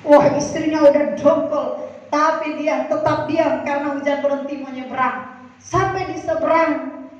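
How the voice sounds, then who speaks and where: A woman's voice: high-pitched, fairly even intonation, unhurried. A woman pastor preaching a sermon, telling a story and acting out its people, with a sing-song preaching cadence. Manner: storytelling preacher, acts out characters' lines; sing-song cadence, repeated address to the congregation. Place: large church hall. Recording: echoey church hall, distant mic, dull sound.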